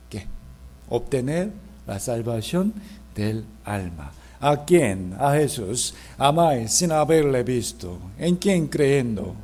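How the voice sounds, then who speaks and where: A man's voice: mid-range voice, darkish tone. A man preaching at a Bible seminar in a church, asking rhetorical questions and leading the congregation in reading scripture aloud.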